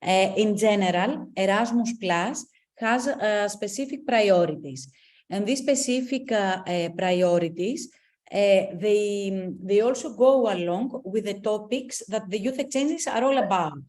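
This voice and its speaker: A woman's voice: mid-range voice, unhurried, darkish tone. A woman with a Spanish accent facilitating an online webinar, patiently answering questions with advice. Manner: patient, advising explanations.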